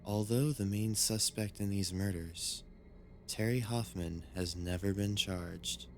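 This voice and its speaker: Low, gravelly man narrating dark mysteries. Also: takes it slowly, a little hiss or hum. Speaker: narrator of a creepy mystery series. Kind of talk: scripted true-crime horror narration. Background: background music.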